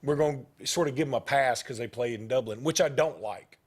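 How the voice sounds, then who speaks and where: A middle-aged sports talk show host rambles through stories in casual chat, his pitch jumping when he gets animated. He talks a little fast with a breathy edge.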